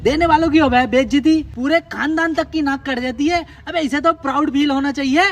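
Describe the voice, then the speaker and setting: A man acting in a comedy sketch, gruff and boastful. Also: very high-pitched, brisk, fairly bright tone, distant mic.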